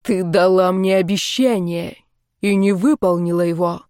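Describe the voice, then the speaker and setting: A woman reading an audiobook voices a wounded, furious male dragon man, speaking slowly, loudly and with force. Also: lowish voice, fairly even intonation, no echo, studio quality, lightly acted.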